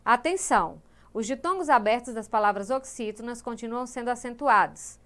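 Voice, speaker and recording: Woman teacher with a high smooth voice, walks through grammar rules, asks the class questions and answers them herself. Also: moderate pace, a bit bright. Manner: explains step by step, asks and answers imagined student questions. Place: studio of an educational channel.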